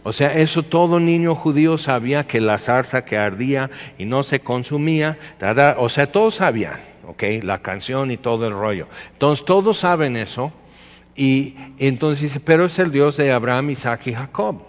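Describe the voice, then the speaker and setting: Chatty Mexican preacher in a reverberant hall. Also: male voice, medium pitch, animated, moderate pace, lo-fi sound. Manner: casual, chatty, with asides and rhetorical questions. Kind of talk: conversational Bible teaching.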